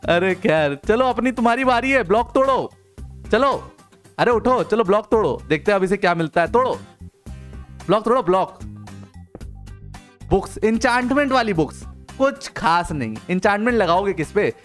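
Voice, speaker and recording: Young male gaming host, high bright voice, playful and coaxing, soft music under the talk. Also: animated. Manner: playful, coaxing, quick repeated interjections. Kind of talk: excited gameplay commentary.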